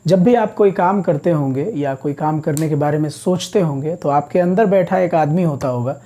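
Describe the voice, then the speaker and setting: A man's voice: on the high side, normal speed, dark tone. A man teaching English vocabulary as a classroom lecture, explaining words patiently, step by step.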